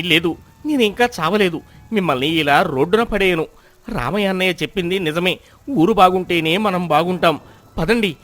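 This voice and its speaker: A man's voice: high voice, fairly bright tone. A man voicing a lazy young village husband who pleads and blames himself. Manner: pleading, self-reproaching.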